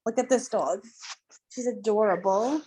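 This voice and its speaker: A woman's voice: mid-range voice, unhurried, warm tone, slight background noise. A young woman fostering a rescue dog, chatting casually and gushing, with many ums and likes, over a video call. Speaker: foster volunteer.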